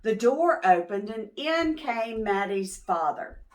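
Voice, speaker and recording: Female storytime reader for preschoolers: higher-pitched, unhurried, expressive, engages listeners with questions. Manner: expressive, pausing to ask young listeners questions. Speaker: children's read-aloud host. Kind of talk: animated picture-book storytelling for young children.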